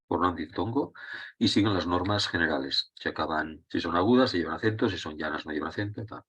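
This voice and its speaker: Deep husky male Spanish teacher. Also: fairly quick, a bit bright, dull audio. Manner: explanatory, checks in with students. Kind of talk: lesson on Spanish accent rules.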